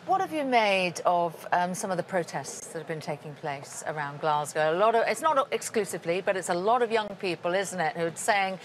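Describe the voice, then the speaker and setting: A man's voice: high voice, expressive, fairly quick, few pauses, slight background noise. A man presenting a live news programme, asking questions in a conversational way with tag questions and some repeated words.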